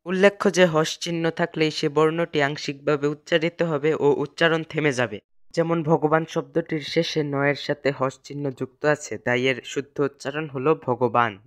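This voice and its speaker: A man teaching pronunciation in a measured, scripted narration, slowing down to model each word. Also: on the high side, steady tone.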